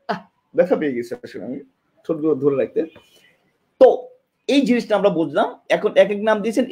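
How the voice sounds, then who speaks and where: A man whose voice sits high with a darkish tone teaches exam prep online, demonstrating with his tongue and lips. He tends to repeat himself and ask students questions, and a camera mic records him in a classroom with a board.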